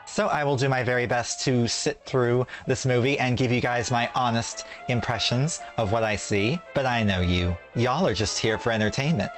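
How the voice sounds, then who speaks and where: A man with a lisp, his speech slightly hampered by a sore tongue, chatting to the camera in a sassy, teasing way. His voice sits at an ordinary middle pitch, with faint music underneath. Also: moderate pace, few pauses. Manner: sassy, joking, self-mocking. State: speaking around a sore bitten tongue. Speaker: reaction video host. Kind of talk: casual vlog chat and voiceover.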